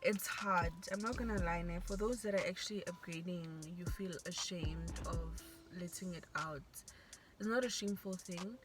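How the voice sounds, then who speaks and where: A woman's voice: fairly low pitch, normal speed, music in the background. A young woman, chatting earnestly and encouragingly with a friend over food. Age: young adult. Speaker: co-host friend. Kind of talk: casual venting chat while eating.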